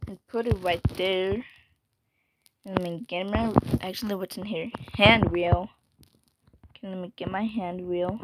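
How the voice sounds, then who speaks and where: A woman commenting on a game she is playing, talking at an unhurried pace. She mocks herself and swings from hushed whispers to sudden shouts. Clear background noise runs under her voice. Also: medium pitch, fairly even intonation. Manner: self-mocking, jumpy, drops into whispers and sudden yells. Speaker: gamer.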